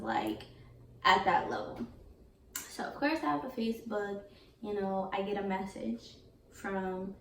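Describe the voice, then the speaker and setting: A young adult woman telling a casual storytime monologue in a chatty, candid, slangy way. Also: medium pitch. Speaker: beauty vlogger. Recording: echoey room, voice from a distance, faint hiss.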